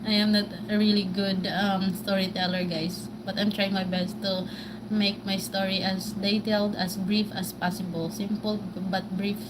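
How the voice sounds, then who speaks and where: Talking live with her viewers amid heavy background noise, a Filipino vlogger with a Bisaya accent rants in a rambling manner, frequently pausing on filler words and beginning again. She speaks at normal speed in a level, mid-range voice.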